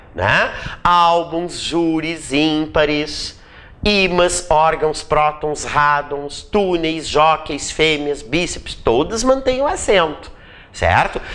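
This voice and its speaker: Brazilian man, exam-prep teacher, animated pitch, keeps asking "right?". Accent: Brazilian Portuguese. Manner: checks in with tag questions; repeats points for emphasis. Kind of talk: grammar lesson.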